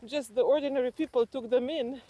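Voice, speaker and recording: This interview guest, a woman from Slovenia, recounts personal experiences reflectively and hesitantly in her Slovenian accent. Her voice sits high and has a dark tone.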